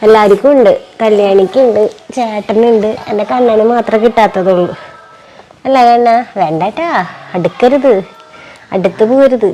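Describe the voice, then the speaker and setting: Mother vlogger, woman, hoarse with a cold, bright sing-song baby talk, phone-recorded at home. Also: a little high, moderate pace, a little hiss or hum. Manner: chatty, coos in sing-song baby talk to her little one. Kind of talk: casual home vlog chat. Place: at home, indoors.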